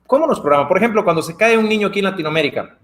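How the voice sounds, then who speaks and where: A man's voice: high voice, lively intonation, rapid-fire, fairly bright tone. A Guatemalan man speaking as a guest on a video call, chatting casually and acting out the voices of the people he quotes. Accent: Guatemalan Spanish. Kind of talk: conversational talk on a video call.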